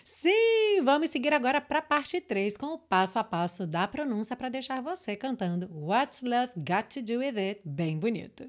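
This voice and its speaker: A woman from Brazil, an English teacher, who explains pronunciation step by step and repeats lines slowly and clearly. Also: on the high side, expressive. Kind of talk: online English lesson with course promotion.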